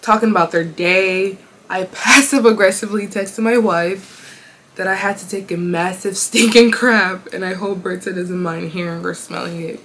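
A woman host reading online confessions aloud from her bed, casual and slangy, reacting out loud as she reads. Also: medium pitch, steady tone, normal speed, noisy background. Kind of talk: casual chatty commentary.

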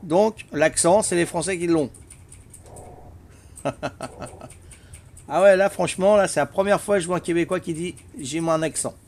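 On a live stream, an older Corsican-accented man plays a game and banters teasingly with his audience, dropping "hein" often. He speaks at a moderate pace with long pauses, in a high-sitting voice with a darkish tone.

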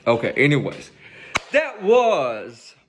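A young man's slightly high voice swings hugely in pitch and moves at a slow pace, with slight background noise. Wearing a headset mic in his living room, he hosts a laid-back music reaction, hyping the song and swearing freely.

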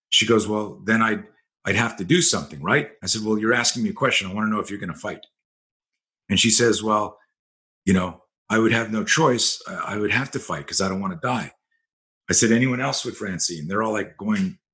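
Man, low-pitched, self-defense instructor, blunt and profane, vivid storyteller. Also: sharp tone. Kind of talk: storytelling in a podcast interview.

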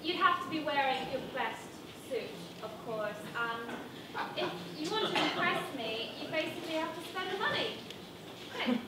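A woman's voice: high voice, animated, normal speed. A woman playing a demanding, self-assured dating show contestant with expensive tastes in a stage comedy sketch. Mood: haughty. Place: small indoor stage. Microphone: far camera. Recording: distant echoey noisy stage recording.

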